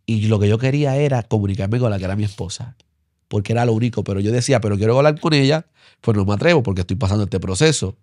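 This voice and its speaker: A male pastor with a Puerto Rican Spanish accent, telling his story in an interview, earnest and repetitive, his voice sinking low and soft when moved. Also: dry recording, clean studio sound.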